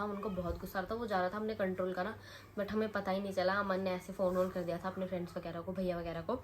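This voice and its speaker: A young woman vlogging, telling a story in a chatty, animated way with many fillers and restarts. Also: mid-range voice, slight background noise. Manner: animated retelling, voices rising when quoting others. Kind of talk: casual storytelling vlog.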